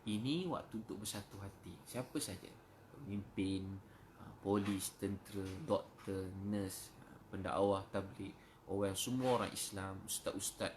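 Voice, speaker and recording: A man's voice: lowish voice, slight background noise. A middle-aged man preaching an emotional sermon in a Malaysian Malay accent, pleading and breaking into prayers.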